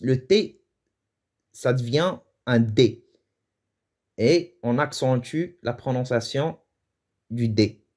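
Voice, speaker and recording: A man's voice: mid-range voice, takes it slowly, long pauses, darkish tone. Man teaching, hesitant and chatty. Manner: hesitant, thinks aloud with restarts and chuckles. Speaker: Moroccan Arabic teacher. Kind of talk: casual explanatory lesson.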